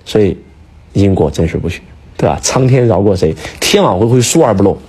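Husky, fast-talking man lecturing emphatically. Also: on the low side, expressive, darkish tone. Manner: emphatic, lecturing, rhetorical questions. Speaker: speaker, teacher. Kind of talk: casual preaching chat.

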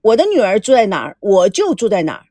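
A woman's voice: mid-range voice, wildly swooping pitch, quick pace, dark tone, dry recording, clean studio sound. A woman voicing a stubborn older father who speaks curtly and sarcastically. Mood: grumbling. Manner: curt, grumbling, sarcastic. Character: gruff stubborn older father, a company chairman.

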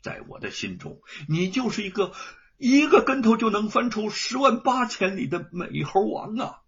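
Soft-spoken gentle wife, voiced by a male storyteller. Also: sits high, sing-song, normal speed, slightly rough, pitched above the performer's own voice, full character voice. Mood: tender. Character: gentle devoted young wife, soft and soothing. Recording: dull lo-fi recording.

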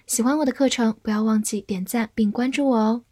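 A woman giving a scripted English vocabulary lesson, spelling words out letter by letter and reading example sentences slowly. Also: fairly high pitch, fairly even intonation, mellow, no room sound, clean studio sound.

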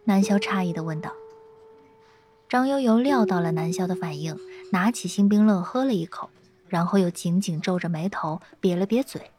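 A woman narrating a web novel in a steady, lightly playful storytelling tone. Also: fairly low pitch, normal speed. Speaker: audiobook narrator.

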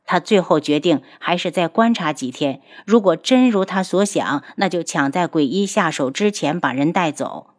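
A woman's voice: lowish voice, expressive, moderate pace. A woman narrating a novel audiobook expressively, acting out the characters.

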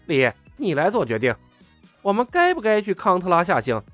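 A man voicing a gruff, sarcastic male talking raccoon mercenary in an audiobook story. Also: high voice, huge pitch swings, moderate pace, fairly bright tone, no room sound, faint music behind, full character voice. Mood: questioning. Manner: grumbling, sarcastic.

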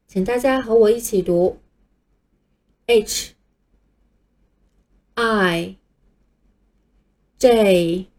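A woman teaching English letters, speaking patiently and clearly in a scripted lesson, with Chinese as her first language. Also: mid-range voice, warm tone. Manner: patient, clear, modeling pronunciation for learners to repeat.

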